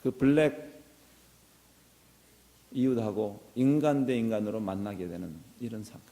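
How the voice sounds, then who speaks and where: The voice is a man's, on the low side and dark in tone, delivered a little slowly. As a middle-aged pastor in a church sanctuary, he preaches earnestly before building to impassioned appeals, all captured with heavy hall reverberation.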